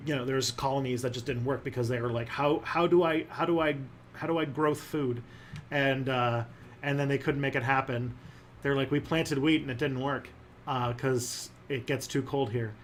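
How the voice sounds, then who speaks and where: A man hosting a casual livestream chat, animated and jokey, rambling with many fillers. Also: a little high, slight background noise. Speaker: host.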